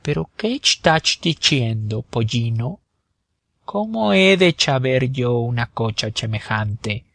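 A man's voice: medium pitch, very animated, slow, gravelly, fairly bright tone, no room sound, studio quality, full character voice. A man voicing a flustered rich older notary with a head cold, who talks through his nose and turns his s sounds into sh. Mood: baffled. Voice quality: nasal, lisping s as sh. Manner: indignant, blustering.

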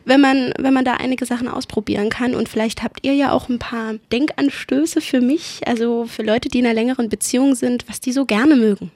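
A woman's voice: on the high side, steady tone, fairly quick, hardly any pauses, darkish tone, no echo. A woman in her twenties co-hosting a podcast, chatting playfully and giggling. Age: 20s. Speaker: podcast co-host. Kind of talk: casual podcast chat.

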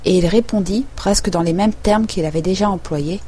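A woman's voice: medium pitch, moderate pace, warm tone, husky. Woman reading a storybook aloud. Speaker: audiobook reader. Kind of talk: scripted narration.

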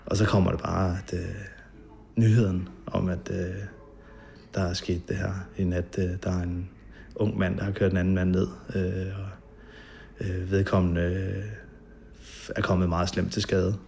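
Gravelly Danish-speaking man recounting, hesitant. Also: low voice, level tone, a little mellow, slight background noise. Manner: hesitant, full of fillers. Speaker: interviewee recalling a past night. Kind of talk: documentary interview, casual recounting.

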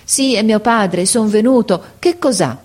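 A woman's voice: mid-range voice, measured pace, a little mellow, breathy edge, voice pushed up. A woman reading aloud, voicing an anxious young boy at his father's sickbed, pleading and tearful.

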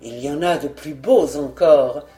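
Greedy aristocratic count, voiced by a woman, pompous, deepened mellow voice, faint music. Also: a little slow. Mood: pleased. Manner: pompous, enthusiastic.

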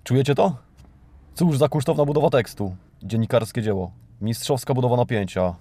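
A Polish podcast host reads a satirical scripted monologue, mocking news items in an ironic, mock-grandiose, theatrical style. His mid-range voice is warm and fairly quick, captured in a dry recording.

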